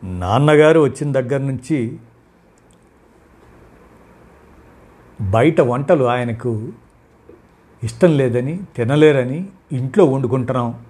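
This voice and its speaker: A bitter young husband who snaps and scolds in a raised, loud voice. His tone is husky and reproachful, as a male storyteller plays him. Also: a little high, a little fast, pitched above the performer's own voice, lightly acted. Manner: reproachful, snapping.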